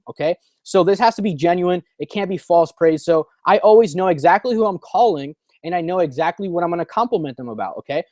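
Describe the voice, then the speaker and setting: A young man hosting a call, coaching listeners in an energetic, slangy way and calling them "bro" a lot. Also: high-pitched, no room sound. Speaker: call host and trainer.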